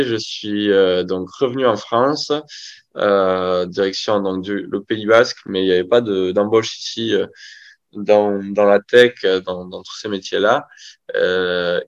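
A man in his thirties, a company CEO, speaking as a podcast guest in a casual way with many fillers. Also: on the low side. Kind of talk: podcast interview. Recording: dull lo-fi sound.

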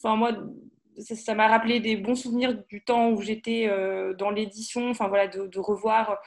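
A woman's voice: mid-range voice, level tone, moderate pace. A woman giving a casual book review, often stopping to rephrase herself. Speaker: podcast contributor.

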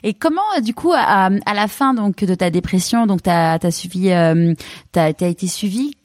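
A woman's voice: fairly low pitch, moderate pace, dry recording. Woman host asking questions, lots of "ouais", dry close mic. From France. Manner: attentive, frequent short agreements. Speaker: interviewer. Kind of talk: casual interview.

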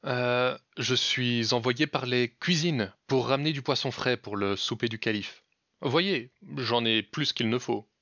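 A man voicing an honest male barber nervously inventing an excuse, hesitant and halting. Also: medium pitch, pushed and bright, no room sound. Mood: flustered. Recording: dull, dry lo-fi recording.

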